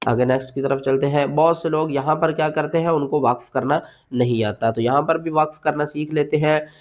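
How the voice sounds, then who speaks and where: A man teaching Quran pronunciation step by step, spelling words letter by letter and chanting the verses slowly, asking and answering his own questions. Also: on the high side, steady tone. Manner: patient, explanatory, asks questions and answers them himself.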